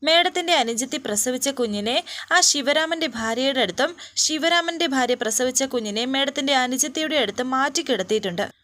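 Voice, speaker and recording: A woman's voice: sits high, expressive, fairly quick, fairly bright tone. A woman voicing an eager young accomplice. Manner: eager, reassuring.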